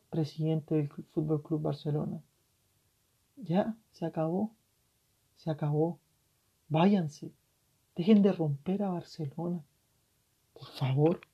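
A tearful man with a Chilean accent hosting a solo podcast, ranting passionately and swearing, his voice swinging from loud to hushed. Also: on the high side, vocal fry, slightly rough. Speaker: podcast host. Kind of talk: emotional solo podcast rant. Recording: dull lo-fi recording.

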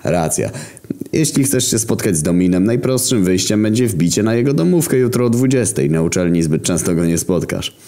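A man's voice: sits low, expressive, brisk, dark tone, voice pushed up. A man voicing a rude young male student in a spoken story. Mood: casual.

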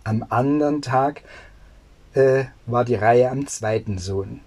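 An unhurried storyteller reading a classic fairy tale aloud. The pace is slow and deliberate, and the odd filler and small restart slip in between the sentences. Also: medium pitch, darkish tone.

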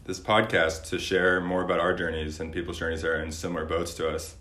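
A man's voice: low voice, little pitch movement, a little fast, a bit bright. A man hosting a podcast, interviewing his guest in a casual, conversational style. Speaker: podcast host. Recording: echoey room.

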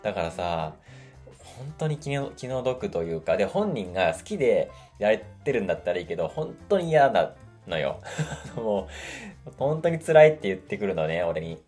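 A man with a very low voice talks casually through a solo podcast episode. He is chatty and animated, and his voice jumps up when he acts out quotes. Soft music plays faintly behind him. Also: moderate pace. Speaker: podcast host. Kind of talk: casual monologue.

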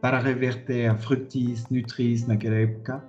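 This podcast guest is a French corporate director in his thirties who recounts his career haltingly, full of fillers and false starts. He speaks in a medium-pitched, level, darkish voice at a moderate pace with a French accent. The audio sounds dull, and quiet music plays underneath.

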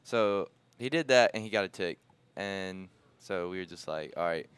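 Smooth, low-voiced man. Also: animated, normal speed, a bit bright, no echo. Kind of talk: casual chat.

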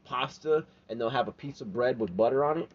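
A man's voice: medium pitch, fairly quick. A man rambling through a casual story, swearing and asking "right?" every few words. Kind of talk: casual banter. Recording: dull lo-fi sound.

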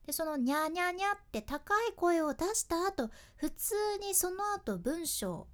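A woman with a Hakata accent, hosting a radio voice lesson and explaining step by step in a chatty, friendly way. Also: sits high. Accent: Hakata dialect. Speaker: radio host and voice coach.

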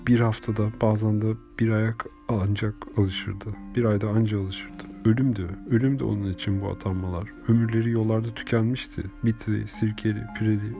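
Male audiobook narrator, low register, even measured delivery, recorded over clear background music.

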